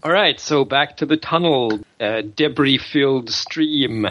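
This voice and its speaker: A man's voice: medium pitch, measured pace, fairly bright tone, lo-fi sound, a little hiss or hum. A man narrating as game master of a tabletop role-playing game, describing scenes with frequent restarts and fillers.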